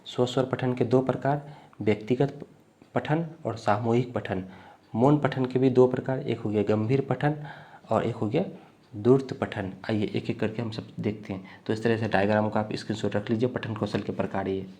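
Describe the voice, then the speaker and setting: Unwell man teaching, low voice. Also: fairly even intonation, warm tone. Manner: repetitive, explains slowly with frequent "thik hai" checks. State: unwell, coughing. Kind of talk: exam-prep lecture.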